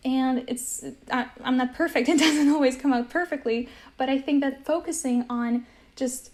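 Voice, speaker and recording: Young woman, Polish native, American accent, slightly high voice, casual and chatty. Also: darkish tone. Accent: American English. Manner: chatty, uses many fillers, laughs easily. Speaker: language-learning guest. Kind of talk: casual conversation.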